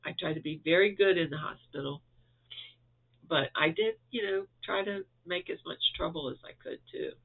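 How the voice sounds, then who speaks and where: This crochet vlogger from Florida has a gravelly, husky voice on the high side and speaks at a moderate pace. Congested and going hoarse, he rambles chattily to his viewers from home, laughing frequently. The audio sounds tinny, like a phone.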